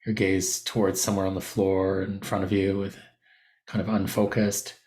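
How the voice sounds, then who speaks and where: A man guides a body scan meditation in the role of teacher, speaking gently and slowly with pauses inside phrases. The voice is low and monotone.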